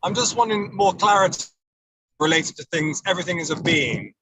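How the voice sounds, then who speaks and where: A man's voice: high voice, fairly quick, pushed and bright. A man asking a workshop teacher hesitant questions over a hands-free car speakerphone while driving. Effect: hands-free car speakerphone call. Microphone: hands-free car phone. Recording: distant car speakerphone with road noise.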